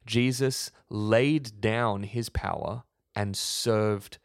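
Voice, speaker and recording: A man's voice: lowish voice, fairly even intonation, very slow, vocal fry, no room sound, clean studio sound. A man co-hosting a faith podcast, explaining in an earnest, preachy way. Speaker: podcast co-host.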